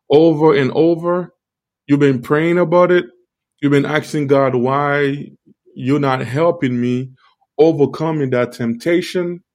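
A man preaching on a live stream has a toothache, so his informal devotional talk comes out halting and repetitive as he works around the sore tooth and gum. His voice runs on the high side and is a touch mellow, slightly reshaped by tongue-led articulation.

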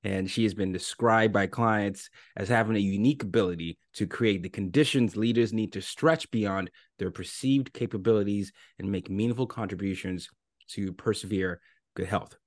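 A man with a fairly low voice hosts a podcast interview. He reads the guest's introduction and asks eager questions, stumbling over his starts. The sound is dry and close. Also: steady tone, normal speed, no room sound. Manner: laughs easily, eager, stumbling restarts. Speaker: podcast host.

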